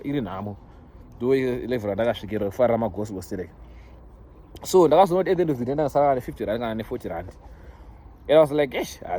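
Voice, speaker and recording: Fast-talking young Zimbabwean man, emphatic. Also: medium pitch, a little mellow. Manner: emphatic, repeats himself for stress. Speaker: vlogger. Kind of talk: casual chat to followers, mixing Shona and English. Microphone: phone. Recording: noisy background ambience, phone recording.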